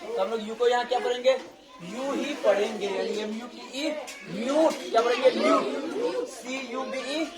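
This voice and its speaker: A woman's voice: fairly high pitch, normal speed, crowd noise. A woman teaching a class on English pronunciation. She spells words out letter by letter and keeps asking her students whether they follow. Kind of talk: classroom lesson.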